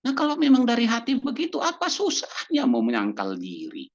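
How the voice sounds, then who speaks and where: A man's voice: extremely high pitch, wildly swooping pitch, fairly quick. A man preaching a sermon who acts out little dialogues as he goes. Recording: dull lo-fi recording.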